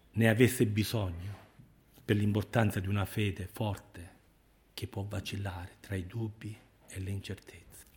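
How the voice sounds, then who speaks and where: A man preaching a sermon, slow and emphatic, sinking to near-whispers and then rising loud on repeated phrases. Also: fairly low pitch.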